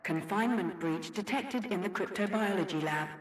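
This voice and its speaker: A woman voicing a calm, polite automated lab alarm announcer, heard over a facility loudspeaker. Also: medium pitch, normal speed. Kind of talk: scripted public announcement. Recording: echoey loudspeaker in a large hall, faint music.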